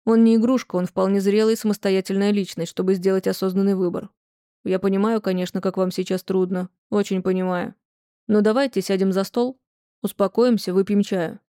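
A woman voicing a calm, thoughtful young man who reasons patiently. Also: mid-range voice, fairly quick, smooth, no room sound, clean studio sound, close to an everyday voice.

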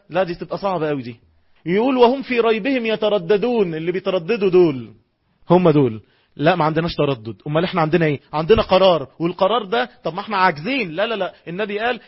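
A man's voice: sits high, slightly rough, muffled recording. A man with an Egyptian accent preaching a fervent sermon, arguing with imagined objections in a rhetorical back-and-forth. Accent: Egyptian Arabic.

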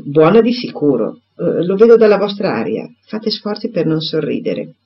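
Guy doing a lively young lady in an old novel, husky, jumps up and down in pitch, muffled recording. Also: full character voice. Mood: eager. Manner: quick, exclaiming questions. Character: young gentlewoman, quick and spirited. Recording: dull lo-fi recording.

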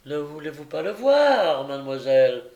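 A man voicing a boastful old male butler in an audiobook, talking loudly and full of self-importance. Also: fairly high pitch, moderate pace, highs cut off. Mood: eager. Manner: loud, excited, self-important. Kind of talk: audiobook reading.

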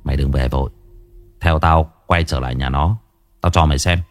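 Man playing a gruff older brother, stern, scolding, deep and dropped low, storybook tale. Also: fairly quick, dry recording. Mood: commanding.

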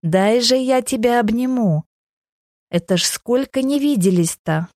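A sly, hunched old crone with a quavering, high, drawn-out voice, put on by a woman reading a storybook. She coos and laments, dripping with sugary endearments while hiding a fawning slyness. The sound is dry and close. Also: lively intonation, a little mellow, dry recording. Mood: cooing.

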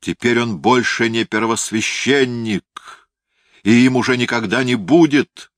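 A man's voice: mid-range voice, measured pace, no echo, clean studio sound, pitched above the performer's own voice, natural voice. A man voicing a furious, cruel young prince who hurls venomous accusations in a raised, strained voice. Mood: savage.

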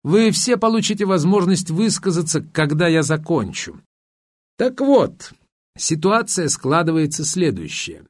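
A man reading an audiobook, voicing a retired male officer turned politician who lays out his case calmly and formally. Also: a little high, dry recording, clean studio sound, voice pushed up. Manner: measured, formal speech-making.

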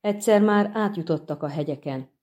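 A woman voicing a grim, weary male monster hunter in an audiobook, speaking tersely and quietly. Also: mid-range voice, lo-fi sound, pitched above the performer's own voice, natural voice. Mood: brooding. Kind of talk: audiobook reading.

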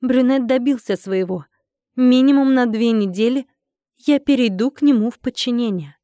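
A woman narrating a first-person audiobook with lively, wry storytelling. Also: fairly high pitch, normal speed, dry recording, clean studio sound.

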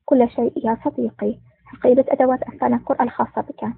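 Brief: woman voicing a jovial chubby male sidekick, breathy, fast, dry phone-like audio. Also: on the high side, flat delivery, no echo, exaggerated voice. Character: jolly heavy male sidekick friend. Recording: tinny phone-like dry recording.

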